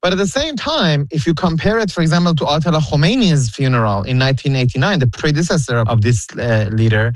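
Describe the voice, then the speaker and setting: A man's voice: fairly high pitch, expressive, quick pace, few pauses, dry recording. A man from Iran, a journalist giving conversational news analysis in an interview. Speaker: journalist and author being interviewed.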